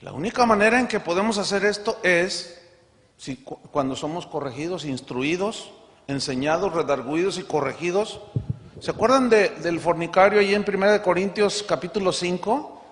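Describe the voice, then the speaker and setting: Male pastor, high voice, preaching emphatically with rhetorical questions; reverberant conference hall. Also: normal speed. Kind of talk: sermon.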